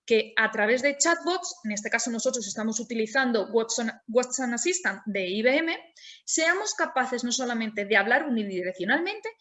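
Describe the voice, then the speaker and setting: A woman's voice: a little high, lively intonation, normal speed, sharp tone. A woman giving a webinar presentation, explaining things with frequent restarts. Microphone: video call.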